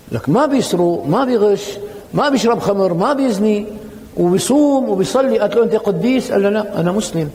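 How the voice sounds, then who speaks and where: A man's voice: high-pitched, big-room sound. A man preaching a colloquial sermon, telling stories and acting out the dialogue. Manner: animated, acts out quoted dialogue in storytelling.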